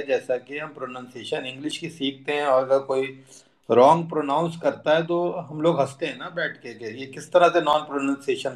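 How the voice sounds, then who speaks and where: A middle-aged man teaching a religious lesson in an earnest, explanatory way, repeating phrases for emphasis and mixing in English words. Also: on the high side. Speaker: Quran teacher.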